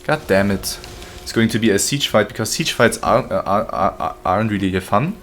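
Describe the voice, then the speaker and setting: A man's voice: on the low side, lively intonation, moderate pace, fairly bright tone, a little hiss or hum. A man casually commenting on his gameplay during a live stream, joking and chatting with his viewers. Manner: joking, chatty, reads chat aloud. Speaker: game streamer.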